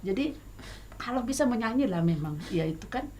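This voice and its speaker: A middle-aged woman with an Indonesian accent, talking as a guest songwriter in a casual talk show chat, hesitant with many fillers but lively and emphatic. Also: a little high, fairly quick. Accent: Indonesian, Batak.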